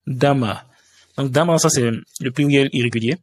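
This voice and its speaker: Man, patient tutorial teacher, halting delivery, dry close sound. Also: medium pitch, no echo. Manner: hesitant, many fillers and restarts. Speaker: language teacher. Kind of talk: screen-share tutorial.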